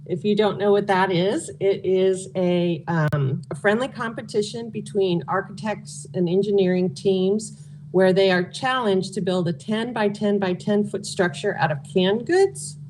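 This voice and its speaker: A woman's voice: mid-range voice, a little slow, darkish tone, slight background noise, poor audio. A woman answering interview questions as a local event organizer, speaking in a casual, candid way. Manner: informal, candid. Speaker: interview guest, local food and beverage nonprofit organizer.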